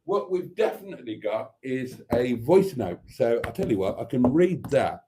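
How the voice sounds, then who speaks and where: A man's voice: mid-range voice, big pitch swings, moderate pace, noisy background. A British man hosting a livestream in a campy drag-queen manner, rambling and cheeky, full of flustered exclamations, swearing and saucy innuendo. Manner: flustered, self-interrupting, sweary. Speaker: host of an after-party livestream.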